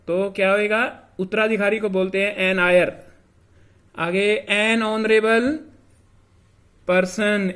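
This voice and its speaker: A man teaching English grammar as a lesson, mixing English phrases into his explanation and repeating example words deliberately. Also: sits high, a bit bright.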